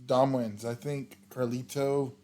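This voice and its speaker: A man's voice: medium pitch, level tone, unhurried, mellow. A man co-hosting a casual wrestling podcast, agreeable and often echoing the others, with hesitant starts. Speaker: podcast co-host. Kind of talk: casual chat.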